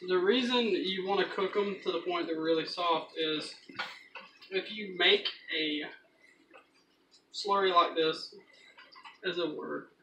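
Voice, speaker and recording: A man's voice: sits high, slow pace, long pauses, sharp tone. A young man giving casual, instructive explanations as he cooks at home. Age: young adult. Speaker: home cook demonstrating a recipe. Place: small home kitchen, indoors. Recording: noisy handheld kitchen camera recording.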